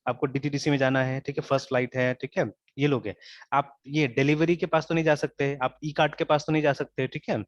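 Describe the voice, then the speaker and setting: A man's voice: mid-range voice, flat delivery, a little fast, no echo. A man teaching an informal programming class, mixing English into his speech and checking in constantly with "theek hai". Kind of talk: informal online coding class. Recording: dull, dry lo-fi recording.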